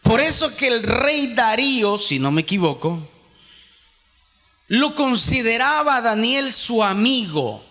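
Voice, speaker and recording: Lively high-voiced Peruvian preacher in a hall. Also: male voice. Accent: Peruvian Spanish. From Peru. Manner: asks rhetorical questions and answers them himself; reads scripture aloud, then explains it. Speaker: youth conference preacher. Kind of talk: sermon. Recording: long reverb of a large hall.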